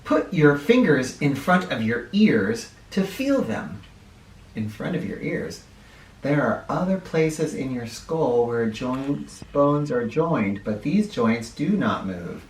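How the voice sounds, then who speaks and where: In an echoey room and a little far from the microphone, a man with a mid-range voice reads a picture book to children, slow and sing-song, pausing for asides. His delivery is expressive and instructive, aimed directly at young listeners.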